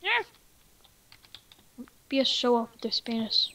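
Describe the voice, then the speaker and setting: A woman's voice: a little high, very animated, unhurried, pushed and bright. A woman chatting casually while playing a game, playful and teasing, often giggling. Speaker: gamer co-host. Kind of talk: casual gameplay chat.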